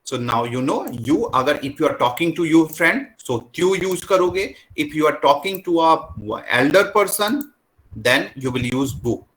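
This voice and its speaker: A man with an Indian accent teaching a French class, slowly drilling the words and switching between English and Hindi. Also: a little high, lively intonation, fairly bright tone, rough recording. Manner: slow, repetitive drilling, mixing English and Hindi. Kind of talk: classroom lesson.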